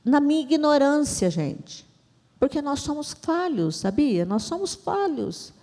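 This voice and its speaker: A woman's voice: sits high, sing-song, measured pace, warm tone. Woman pastor preaching in echoey church. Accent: Brazilian Portuguese. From Brazil. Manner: emotional, personal storytelling with repetition. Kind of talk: sermon. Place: large church hall.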